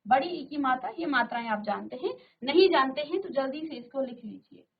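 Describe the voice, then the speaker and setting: A woman teaching a Hindi grammar lesson in a virtual classroom. She asks the students questions, answers them herself, and slows down to stress the example words. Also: high voice, animated, phone-quality sound.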